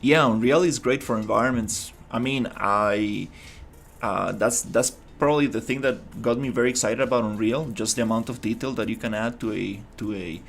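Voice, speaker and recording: A man's voice: medium pitch, moderate pace, gravelly, a bit bright. A man from Costa Rica streaming his game development work, thinking aloud in a casual way with many fillers and restarts. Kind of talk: casual live-stream commentary.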